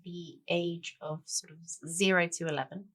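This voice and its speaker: Woman, forties, deep voice, chatty, relaxed interview guest. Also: moderate pace, husky. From grew up in Tanzania, born in Denmark. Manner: chatty, with many "sort of" and "you know". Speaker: guest chef and cookbook author.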